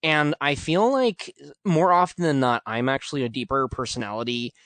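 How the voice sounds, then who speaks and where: A man voicing a whiny, self-absorbed young woman with a nasal, drawn-out whine. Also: medium pitch, fairly bright tone, dry recording, close to an everyday voice. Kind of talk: podcast bit, mock impression.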